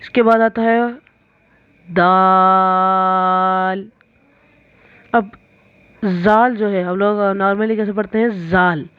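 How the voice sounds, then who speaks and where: A woman's voice: medium pitch, steady tone, a little slow, no echo. A woman teaching the Arabic alphabet, drawing out each letter sound between short explanations. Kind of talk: slow recitation lesson. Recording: tinny phone-like recording.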